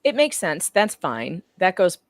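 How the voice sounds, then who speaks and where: Very animated and lowish in pitch, the guest co-reader keeps a measured pace while playfully performing lines from a court transcript. It's a casual, bantering reading captured with no room sound.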